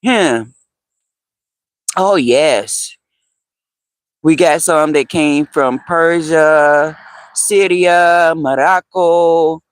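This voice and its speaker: A man's voice: on the high side, steady tone, drawn-out words, clean tone, no room sound. A man hosting a casual livestream, chatting with viewers, answering their comments, repeating phrases and laughing often. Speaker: livestream host.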